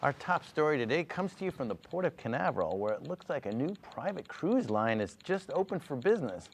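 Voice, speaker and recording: A man playing a TV news anchor in a parody newscast, halting and stammering in his delivery. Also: on the high side, big pitch swings, gravelly, slightly rough, full character voice. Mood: earnest announcing. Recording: slightly dull, lo-fi audio.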